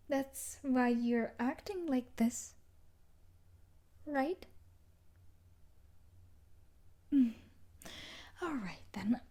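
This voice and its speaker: A woman's fairly high voice carries a controlled, possessive edge as she plays an obsessive yandere stalker from a dark romance book in intimate audio roleplay. Breathy and coaxing, she threatens quietly and often whispers.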